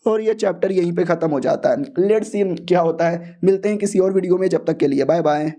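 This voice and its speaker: A man's voice: sits high, brisk, dark tone. A man narrating a manga recap in a casual, slangy, joking storytelling style.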